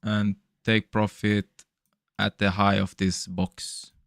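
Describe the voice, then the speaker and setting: Young man, live-stream trader, casual chatty, lowish voice, dry close sound. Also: flat delivery, takes it slowly, creaky, dry recording. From Serbian parents, raised elsewhere in Europe. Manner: loose, chatty, swears and laughs, talks to chat as bro. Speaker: livestreaming futures trader.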